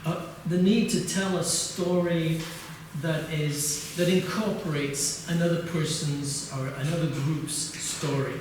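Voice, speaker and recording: An older man from England delivers a halting academic lecture, full of restarts and filler sounds. His voice sits a little high for a man. He is recorded from well back in a very echoey conference hall with steady background noise. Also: recorded from a distance. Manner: hesitant, many uhs and restarts. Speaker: keynote lecturer.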